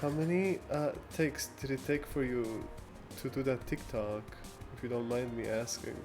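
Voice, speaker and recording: Over background music, a male livestreamer in a mid-range voice casually chats with viewers, reading and answering their live comments. He's halting and rambling, with lots of false starts and laughter.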